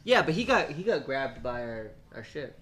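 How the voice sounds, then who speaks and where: A man's voice: mid-range voice, very animated, moderate pace, fairly bright tone. A man running a tabletop game as game master, speaking for the locals with hesitant ums and frequent laughs. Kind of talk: voicing a city official in a tabletop game.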